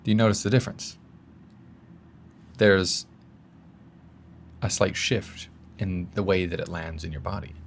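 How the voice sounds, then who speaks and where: A man's voice: deep voice, fairly even intonation, a little slow, gravelly, long pauses, slight background noise. A man speaking as a coach in a casual self-help talk, guiding the listener through exercises and swearing now and then.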